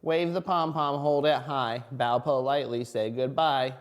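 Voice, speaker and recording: A man voicing loud, eager, goofy storybook penguins chanting sing-song cheers, as if reading to a toddler. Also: mid-range voice, animated, moderate pace, natural voice. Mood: loud cheering.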